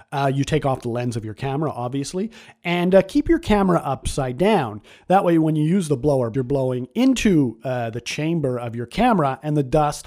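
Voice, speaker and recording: A man's voice: medium pitch, a little mellow. Man with a stuffy nasal cold voice. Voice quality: slightly scratchy. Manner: chatty and emphatic. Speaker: podcast host. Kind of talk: casual podcast talk.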